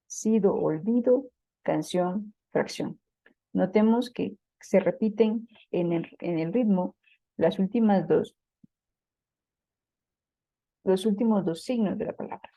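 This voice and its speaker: Woman teacher going through poetry terms, patient, keeps checking w the class, super mellow dark voice, dry sound. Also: medium pitch, no room sound. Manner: explains patiently, often checks with "¿verdad?". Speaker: Spanish literature teacher.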